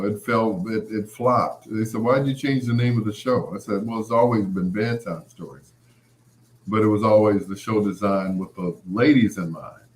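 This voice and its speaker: Here the late-night host's voice is lowish and a little mellow. He tells anecdotes in a loose, rambling, conversational monologue, quoting past exchanges, and the room echoes noticeably.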